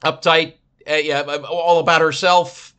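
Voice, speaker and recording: A man's voice: on the high side, flat delivery, a little slow, a bit bright, smooth. A man co-hosting a casual chat, hesitant, often stammering and restarting. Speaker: podcast co-host.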